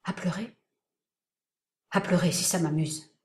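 A woman reading aloud voices a tender, pleading young woman in soft, trembling, half-whispered tones. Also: lowish voice, measured pace, lightly acted. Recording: roomy echoing room.

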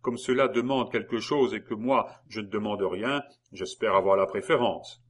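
A man voicing a gruff male revolutionary patriot who brags and blusters to please his betters. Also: on the low side, moderate pace, lightly acted. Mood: boastful.

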